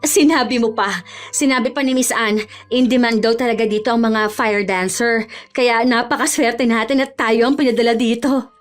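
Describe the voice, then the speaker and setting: A woman's voice: on the high side, fairly even intonation, normal speed, faint music behind, close to an everyday voice. A woman voicing a young wife and fire dancer in a horror radio drama. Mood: hopeful.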